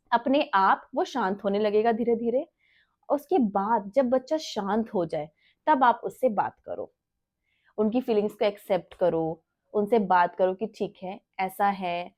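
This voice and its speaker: A woman's voice: medium pitch, a little mellow, dry recording, studio quality. A young woman, a mother, giving earnest parenting advice in a casual talk, mixing English phrases in and checking in with "right?". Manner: earnest, mixes English phrases into Hindi, many rhetorical "right?". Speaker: parenting vlogger.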